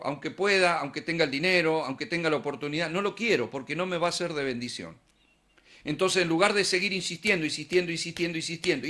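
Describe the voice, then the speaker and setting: A man's voice: fairly high pitch, a bit bright. A middle-aged man with an Argentine Spanish accent preaching a sermon in a conversational way, asking questions and answering them himself.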